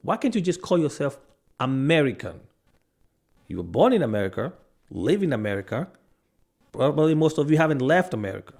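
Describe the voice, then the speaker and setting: A mid-range, darkish voice belongs to a man from Africa, a video commentator ranting at the camera. He argues forcefully and piles up rhetorical questions, breaking off to look at his notes and restarting.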